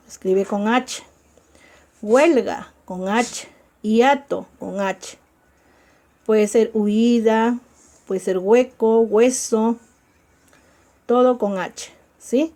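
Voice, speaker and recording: Woman teacher, higher voice, very slow and deliberate, spells out letters, repeats each example. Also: warm tone. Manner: checks in with listeners. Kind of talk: spelling lesson.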